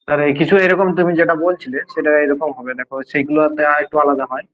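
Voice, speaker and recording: A male teacher giving a grammar lesson, explaining slowly, repeating key points and quizzing his students. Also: fairly high pitch, level tone, highs cut off.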